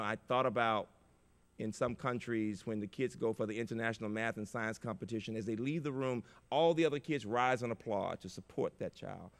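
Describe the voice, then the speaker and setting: An older man giving an inspirational keynote speech at a conference, telling stories with big emotional swings in loudness. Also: medium pitch, vocal fry. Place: large conference auditorium. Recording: reverberant conference hall.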